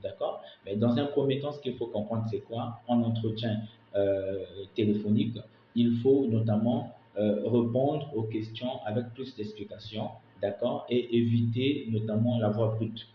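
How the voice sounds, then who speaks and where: A man from Senegal gives a casual instructional talk on call center work, checking in with listeners often and filling pauses with hesitations. His voice sits at a middle pitch in a roomy space with a noticeable echo. The recording sounds slightly dull, with faint background noise. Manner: repeats "d'accord?" and "notamment" often, many hesitations. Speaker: call center career coach.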